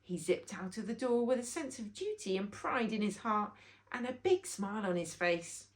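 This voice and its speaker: A woman with a mid-range voice reads a children's story aloud at normal speed, narrating expressively.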